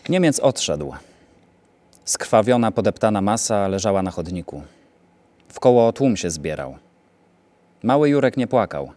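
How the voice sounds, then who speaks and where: A theatre actor reciting a poem with a grave, deliberate delivery. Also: male voice, lowish voice, big pitch swings, mellow. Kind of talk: dramatic poetry recitation.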